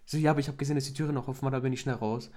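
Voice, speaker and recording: A man's voice: medium pitch, steady tone, racing, mellow. A young man in casual chat, telling anecdotes in slangy speech full of swearing. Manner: slangy, storytelling, swears with "Alter".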